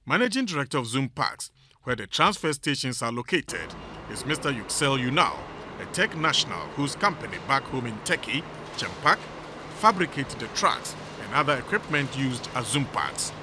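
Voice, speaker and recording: A man's voice: mid-range voice, very animated, normal speed, noisy background. A man reading scripted documentary narration as the narrator. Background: music bed.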